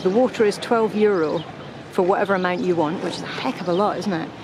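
A woman who is a travel vlogger and sailor gives chatty, informal commentary outdoors at harbours and old ruins, filmed on a handheld camera. She talks fast in a fairly low voice, and the camera audio picks up clear outdoor background noise.

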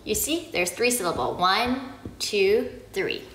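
A woman from Korea explaining something slowly and patiently, often checking in with "okay?". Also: mid-range voice, lively intonation, roomy sound, noisy background. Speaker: family vlogger explaining Korean naming. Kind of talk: casual explanatory talk to camera.

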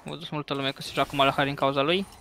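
A man's voice: fairly high pitch, steady tone, bright, forceful tone. A man explaining his gameplay plainly as a guest player. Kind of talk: casual gaming commentary.

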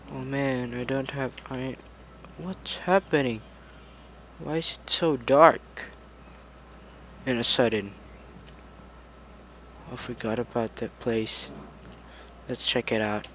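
A man casually commenting on his own gameplay, rambling along and breaking into sudden excited outbursts. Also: medium pitch, a little hiss or hum. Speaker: gaming channel host.

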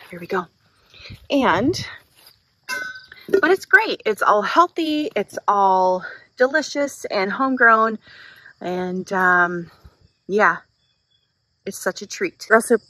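A woman's voice: mid-range voice, a bit bright, husky, no room sound, poor audio. A Midwestern woman in her thirties, chatting casually and upbeat to a handheld camera while walking through her outdoor garden. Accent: Midwestern American. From Wisconsin. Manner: chatty, upbeat, self-deprecating. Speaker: vlogger, mom.

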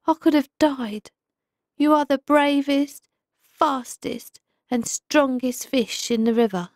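A tiny girl fish squeaks out her words high and breathless, voiced by a woman reading a storybook. The voice sits far above a normal speaking pitch. The recording is close and dry. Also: takes it slowly, a little mellow, no echo. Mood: grateful. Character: little frightened girl fish.

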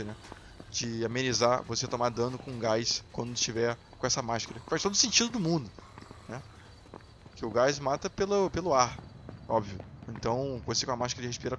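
A Brazilian man hosting a gaming channel, commenting on gameplay in casual, excitable chat and swearing freely at the viewers. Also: mid-range voice, a little hiss or hum. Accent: Brazilian Portuguese.

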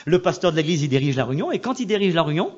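Fast-talking pastor preaching his testimony. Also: a little high, very animated, lo-fi sound. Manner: storytelling, repetitive, emphatic; swings between hushed and loud passages.

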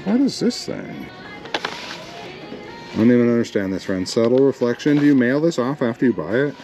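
A man's voice: medium pitch, very animated, normal speed, over music. A man narrating his thrift shopping in a casual vlog, rambling and joking as he addresses viewers as friends. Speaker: thrift reseller vlogger.

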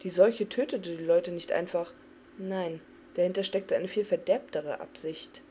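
A woman giving an expressive, dramatic reading of a fantasy novel. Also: fairly low pitch, measured pace, slight background noise. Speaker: audiobook reader.

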